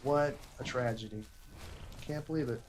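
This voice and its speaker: A man's voice: mid-range voice, normal speed, a little hiss or hum. A young man casually commentating his own livestream, self-deprecating and rambling, muttering to himself. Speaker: gaming livestreamer.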